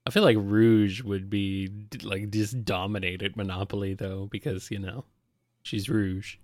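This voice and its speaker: Slow-talking, laid-back man, dry sound. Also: fairly low pitch, little pitch movement, a little mellow, no room sound. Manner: laid-back, laughs often. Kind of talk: casual chat.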